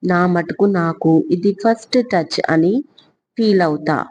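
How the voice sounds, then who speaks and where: A woman's voice: lowish voice, unhurried, darkish tone, slight background noise, close to an everyday voice. A woman voicing a bubbly, proud teenage girl in an audio story, tossing in English phrases. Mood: giddy.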